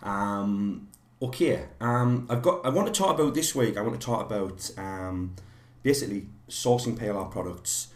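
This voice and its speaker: Hoarse from a cold, a man teaches a live online course, rambling along with plenty of fillers and false starts. His voice sits on the low side, his pace is moderate, and the room sounds spacious.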